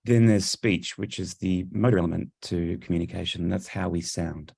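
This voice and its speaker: Presenting virtually through Bluetooth headphones, an Australian-accented speech neuroscience professor talks with lots of fillers and restarts. His voice is low, gravelly, a little mellow and breathy, with fairly even intonation at a moderate pace, and the studio sound is clean with no echo.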